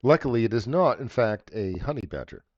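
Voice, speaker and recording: A man's voice: medium pitch, animated, a little fast, darkish tone, dry recording. A man narrating and refereeing a tabletop game as game master, in a casual, joking way with some swearing. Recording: dull lo-fi audio.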